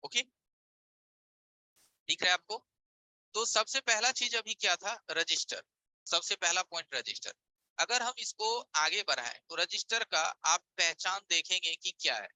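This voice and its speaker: A man's voice: high-pitched, animated, normal speed, pauses often, pushed and bright, no room sound, low-quality recording. A man teaching a live online repair class, explaining with everyday examples and rhetorical check-in questions over a screen share. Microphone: voice-over on a screen-share stream.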